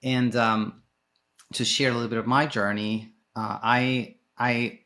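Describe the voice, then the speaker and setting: A man from Sweden speaks a little slowly in a flat, mid-range voice that sounds pushed and bright. As a podcast guest who works as a sleep coach and was formerly a sleep physician, he answers interview questions casually, explaining and restating his points.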